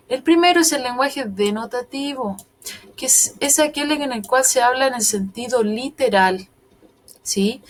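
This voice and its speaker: Patient woman teaching a lesson. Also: high voice. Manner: patient, explains step by step, often checks understanding. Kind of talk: recorded online lesson.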